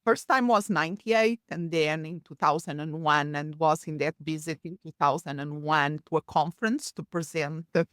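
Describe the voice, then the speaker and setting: Portuguese-accented woman, lowish voice. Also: no room sound, studio quality. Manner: earnest, slightly halting non-native phrasing. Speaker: podcast guest. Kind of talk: conversational storytelling.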